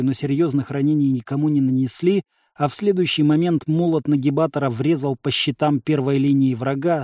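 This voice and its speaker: Male audiobook narrator, lively delivery, fairly high voice, dry close sound. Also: no room sound. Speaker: audiobook reader. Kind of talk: first-person audiobook narration.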